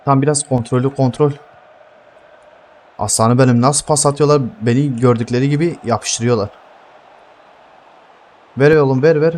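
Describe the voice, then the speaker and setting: A young man giving heated live gameplay commentary, swearing constantly and yelling at his teammates. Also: medium pitch, fairly even intonation, normal speed, pauses often. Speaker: gaming streamer.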